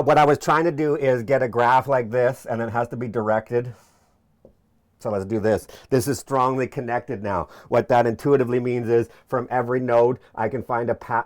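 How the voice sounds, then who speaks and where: A man's voice: mid-range voice, darkish tone. A young man explaining his PhD research in an informal whiteboard lecture, chatty and jokey, often restarting his sentences. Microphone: camera mic.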